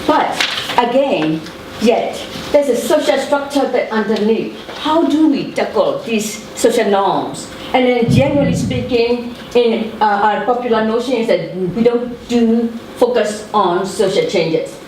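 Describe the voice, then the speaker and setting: A woman from Burma, asking a halting question at a workshop, repeating words as she searches for phrasing. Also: on the high side, lively intonation. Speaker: audience member asking a question. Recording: echoey room, mic far off, clear background noise.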